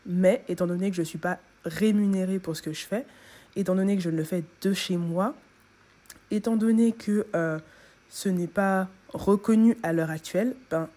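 A young woman talks casually to her viewers as a vlogger, addressing them directly and chattily. Her voice is soft and mellow, with a slightly breathy, husky edge. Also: lowish voice, moderate pace. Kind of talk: casual vlog chat. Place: at home.

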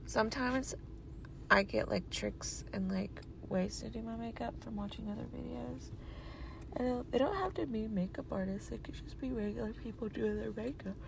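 A woman's voice: a little high, moderate pace, vocal fry. A sleepy young woman doing a casual, chatty makeup voiceover for her vlog, rambling with lots of fillers. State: sleepy, yawning. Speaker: beauty vlogger. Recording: steady background noise.

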